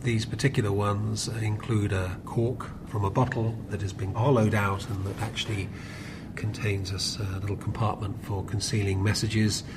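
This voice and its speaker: A man with a lowish voice explains things for a documentary. He speaks deliberately and picks his words carefully. A steady background noise can be heard behind him.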